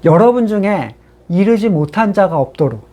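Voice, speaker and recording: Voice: mid-range voice, expressive, normal speed, warm tone. A pastor giving a sermon in a conversational way, reading scripture passages aloud and then explaining them with rhetorical questions to the congregation.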